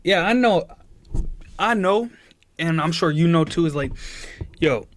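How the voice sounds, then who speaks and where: A man's voice: on the high side, animated, unhurried, slight background noise. Young man, earnest streamer pep talk. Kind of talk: casual live-stream chat.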